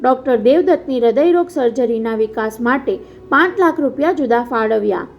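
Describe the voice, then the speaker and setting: A woman narrating a novel chapter as an audiobook in a steady storytelling read. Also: on the high side, brisk, creaky. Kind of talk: scripted narration. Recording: dull lo-fi with faint music.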